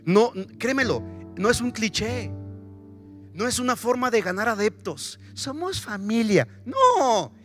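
A male pastor preaching a sermon in a church, animated and often asking the congregation questions. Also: high voice, normal speed, faint music behind.

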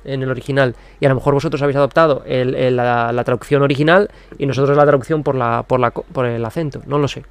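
A man's voice: medium pitch, steady tone, fast, few pauses, smooth. A man with a Spain Spanish accent hosting a casual streamer chat, rambling and thinking aloud with lots of fillers. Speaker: show host.

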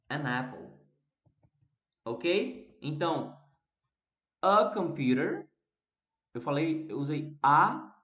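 A man's voice: a little high, fairly bright tone, echoey room. A man with a Brazilian Portuguese accent, teaching English on a live stream, explaining step by step, repeating examples and answering viewer comments.

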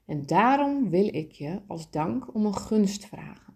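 A woman voicing a kind, loving, wise soul who explains things gently and patiently. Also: mid-range voice, big pitch swings, measured pace, slightly rough, full character voice. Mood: gentle.

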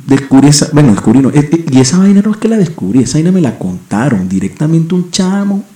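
A man's voice: mid-range voice, mellow, echoey room. A man from Venezuela with a Venezuelan accent, rambling slangily with profanity and restarts in a casual monologue as a podcast host on a home microphone. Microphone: home microphone setup.

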